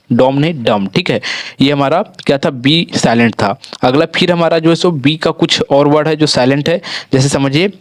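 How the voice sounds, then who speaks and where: A man with a slightly high voice teaches an English spelling lesson in a patient classroom manner. He spells words out letter by letter and keeps checking in with "theek hai". The recording is close and dry, with no room sound. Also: no room sound.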